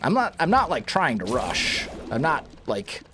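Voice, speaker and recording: A man's voice: medium pitch, wildly swooping pitch, measured pace, sharp tone, faint music behind. A man with a groggy morning voice, chatting casually and thinking aloud as he plays a video game, often correcting himself mid-sentence. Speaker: let's play host. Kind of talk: casual gameplay commentary.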